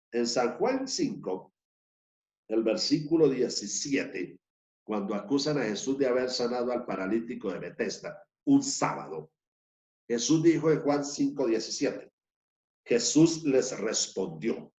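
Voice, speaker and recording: A man's voice: medium pitch, darkish tone. A man preaching a sermon, reading verses aloud and putting questions to the congregation. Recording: echoey, dull lo-fi room sound.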